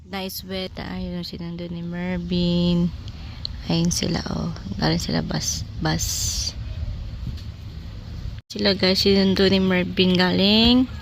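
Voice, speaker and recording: A woman with a lowish, creaky voice talks slowly and fairly evenly, chatting casually in a home vlog. She shows off her fridge and groceries, switching between Tagalog and English, with noticeable background noise in the recording.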